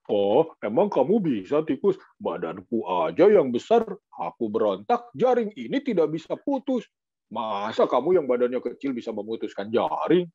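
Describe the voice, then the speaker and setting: A man's voice: medium pitch, very animated, moderate pace, warm tone, slightly rough, no echo. A man voicing a big, skeptical buffalo in a children's story, over dull, distant video call audio. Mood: doubtful. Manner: skeptical, ticklish. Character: big doubtful buffalo caught in a net.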